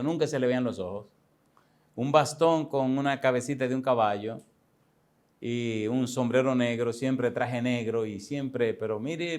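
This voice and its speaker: A man's voice: medium pitch, darkish tone. A man in his sixties, a pastor, tells a personal story in a sermon, speaking conversationally, addressing listeners directly and chuckling often. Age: 60s.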